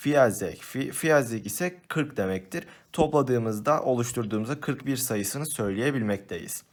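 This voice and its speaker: Male teacher, mid pitch, patient step-by-step exam walkthrough. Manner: patient, step-by-step explaining, addresses students as friends. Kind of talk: exam-prep lesson walkthrough.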